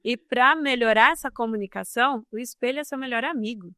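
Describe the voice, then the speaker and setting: A woman speaking as a podcast guest on communication, talking in a casual, expressive and emphatic way. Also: on the high side, a little fast, no echo, studio quality.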